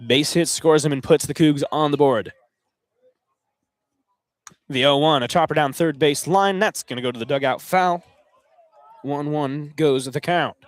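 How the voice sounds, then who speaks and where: A young man doing play-by-play for a college baseball radio broadcast from a ballpark booth, excitable, with his voice climbing on big plays. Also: a little high, unhurried, long pauses, dry recording. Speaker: play-by-play announcer.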